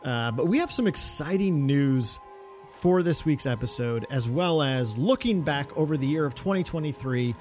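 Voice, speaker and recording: A man's voice: mid-range voice, animated, moderate pace, darkish tone, soft background music. A man co-hosting a fan podcast in a casual, chatty style. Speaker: podcast co-host.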